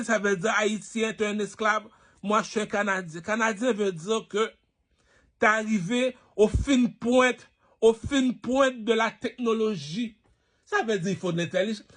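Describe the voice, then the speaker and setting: A man's voice: sits high, a bit bright. A man from Haiti delivering a rambling, preachy monologue, firing rhetorical questions at his listeners and repeating his lines. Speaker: online personality.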